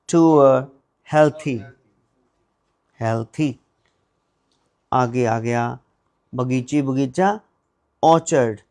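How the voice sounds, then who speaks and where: Slow, deliberate male teacher. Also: fairly high pitch, darkish tone. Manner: slow, deliberate word-by-word drilling. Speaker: English teacher. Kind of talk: pronunciation drill lesson.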